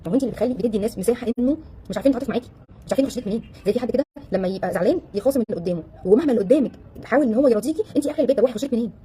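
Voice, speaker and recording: A woman with an Egyptian Arabic accent talks to a live audience at a breakneck pace in a slightly high, mellow voice. She is an animated relationship coach who fires off rhetorical questions and slips into the voices of the people she quotes. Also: very fast, a little hiss or hum. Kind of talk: casual talk to a live audience.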